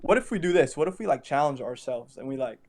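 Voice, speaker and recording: A man's voice: mid-range voice, animated, fast, darkish tone. A young man in casual chat as a content creator, blunt and emphatic, repeating himself for stress.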